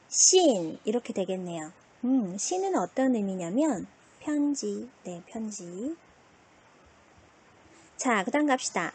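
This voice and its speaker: Lively woman teacher with a husky voice. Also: fairly high pitch. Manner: asks and answers her own questions, lively. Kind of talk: online language lesson.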